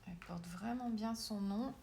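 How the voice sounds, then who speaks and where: A woman giving a casual craft tutorial. She talks chattily and drops into soft whispered asides as she works. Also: medium pitch, normal speed, slight background noise. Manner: self-mocking, laughs at her own English pronunciation. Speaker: craft demonstrator.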